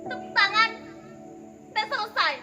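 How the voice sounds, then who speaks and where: A woman acting out a wronged young mother who has turned into a bitter, defiant avenger in a stage monologue. Her voice sits very high and bright, and she declaims each phrase slowly and deliberately, like theatre. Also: faint music behind, heavily acted. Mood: brooding, reflective. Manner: slow, declamatory theatrical delivery.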